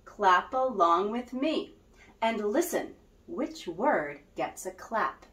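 A woman's voice: medium pitch, expressive, takes it slowly, fairly bright tone. A woman music teacher leading a children's lesson, cheerful and guiding with call-and-response. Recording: roomy echo.

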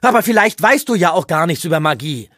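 A man voicing an impatient, headstrong young male farm boy in an audiobook, pleading and insistent in a pitched-up voice. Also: animated, fast talker, pushed and bright, dry recording, clean studio sound. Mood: agitated. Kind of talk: audiobook character reading.

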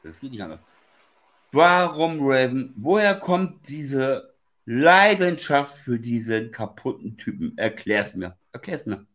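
A man hosting a stream who argues in a heated, crude and demanding way. His pitch swings widely, rising and dropping as he presses his questions. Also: big pitch swings, a little slow, fairly bright tone. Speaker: stream host.

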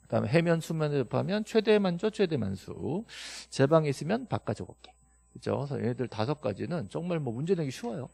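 Gravelly, lively male lecturer. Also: a little high, no room sound. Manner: lively, emphatic, quizzes students with quick questions and answers. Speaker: real estate law instructor. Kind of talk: classroom lecture.

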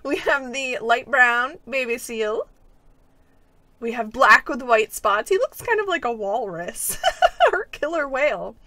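Young woman, high bright voice, giggly gameplay host, enthusiastic, dry close recording. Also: lively intonation, unhurried, dry recording. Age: young adult. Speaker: host of a video game play-through. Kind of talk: casual gameplay commentary.

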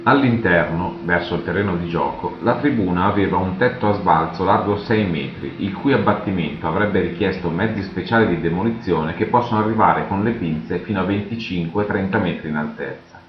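Deep-voiced man narrating a technical documentary. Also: a little hiss or hum. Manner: measured, matter-of-fact technical delivery. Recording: echoey, dull lo-fi voice-over.

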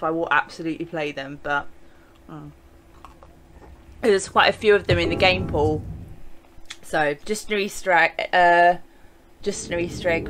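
A woman's voice: lowish voice, fairly bright tone, a little hiss or hum. A young English woman casually commenting as she plays a video game, chatty and exclamatory, often breaking into laughter. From England. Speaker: gaming channel host. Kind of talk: let's play commentary.

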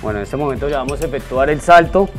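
A man's voice: medium pitch, expressive, fast. A young Colombian man, a soldier presenting a training exercise to an action camera on his arm. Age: young adult. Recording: action camera, music behind.

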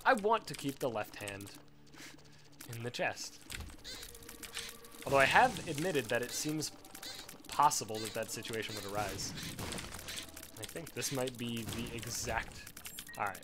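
Over a noisy background, a man of twenty-one speaks in a medium pitch, sore-throated as he commentates a game for a let's play. His casual commentary rambles, pokes fun at himself, and occasionally swears at the game.

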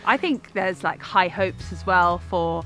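A young woman hosting a farm vlog, talking in a relaxed, thoughtful way with plenty of fillers, filmed outdoors and in a goat shed. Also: lowish voice, slow pace, soft background music. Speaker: farmer and vlog host.

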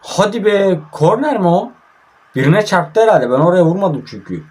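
A man's voice: high-pitched, very animated, moderate pace, darkish tone. A young man from Turkey giving casual, frustrated commentary while playing a mobile football game, grumbling and swearing often.

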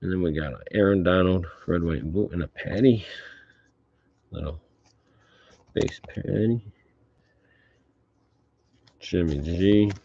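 Slow and husky, this man has a low, dark voice with vocal fry and long pauses. Speaking through a face mask at an indoor tabletop card-opening setup, he hosts a sports card break with laid-back running commentary, casually swearing now and then. The audio is muffled and dull, with background noise.

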